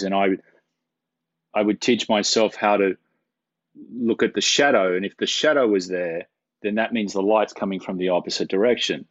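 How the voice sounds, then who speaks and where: A man's voice: on the low side, no echo. A middle-aged man, a camera operator, telling stories in a casual interview, rambling and repeating words with self-deprecating humor. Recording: dull, dry, lo-fi sound.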